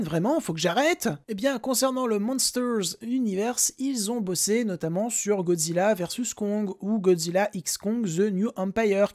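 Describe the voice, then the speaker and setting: A woman's voice: mid-range voice, darkish tone. A young woman hosting a film podcast, talking casually with self-mocking jokes and asides. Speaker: podcast host.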